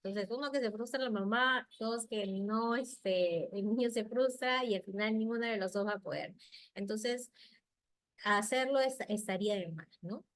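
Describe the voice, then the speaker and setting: A middle-aged woman, a speech therapist giving a lively health talk on child language. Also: on the high side, moderate pace, dry recording. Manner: lively, acts out parents' and children's voices.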